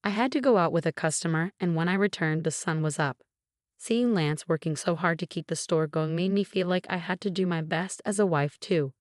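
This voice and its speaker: A woman narrating a first-person story in a calm, even, scripted way. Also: lowish voice, brisk, no echo, studio quality.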